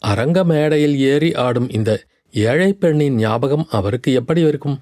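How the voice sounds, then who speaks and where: A man's voice: mid-range voice, measured pace, darkish tone, dry recording, clean studio sound, natural voice. A man voicing a proud young female dancer who speaks in a reproachful tone, in an audiobook reading. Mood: bitter, tearful. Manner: reproachful, speaks through a pet deer.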